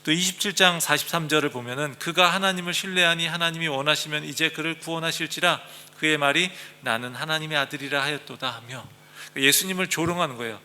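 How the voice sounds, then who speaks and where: A man's voice: fairly high pitch, quick pace, sharp tone, long reverb tail. A man preaching a sermon as a pastor, earnestly reading scripture aloud and explaining it. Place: church.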